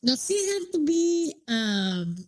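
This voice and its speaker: A woman talking casually as a player at a tabletop game, in an unhurried, playful way. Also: high-pitched, very animated, darkish tone, no room sound.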